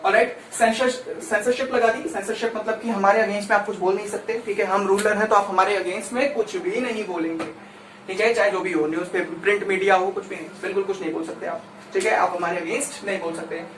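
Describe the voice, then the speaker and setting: A man's voice: high-pitched, fairly even intonation, a little fast, fairly bright tone. A man from India giving a conversational classroom lecture as a teacher, chatty and constantly checking in with his listeners. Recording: roomy echo, distant mic, faint noise.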